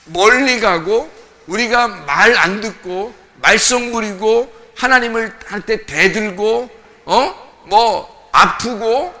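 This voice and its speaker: A male pastor preaching a lively, conversational sermon, acting out voices as he goes. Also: high voice. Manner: animated, acts out parents' voices, conversational. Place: church sanctuary. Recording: church hall reverb.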